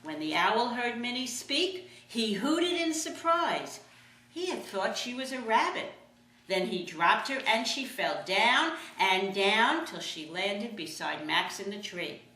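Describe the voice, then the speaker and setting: A woman's voice: on the high side, big pitch swings, takes it slowly, bright, forceful tone. A sweet older woman, a grandmother, reading a children's storybook aloud expressively. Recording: echoey room.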